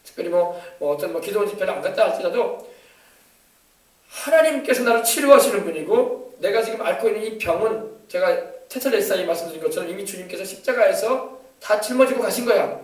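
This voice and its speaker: A man pastor preaching a sermon, emphatic and exhorting, moving between loud commands and quieter asides. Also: high-pitched, animated, a little fast. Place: church sanctuary. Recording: echoey church hall from far off.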